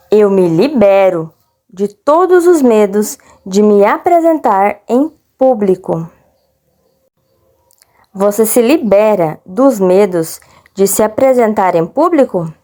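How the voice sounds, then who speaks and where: A Brazilian woman leads a guided relaxation and affirmation script. Her delivery is markedly slow and deliberate. The tone is mellow and soothing, with phrases repeated in a measured way. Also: medium pitch. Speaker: guided meditation instructor.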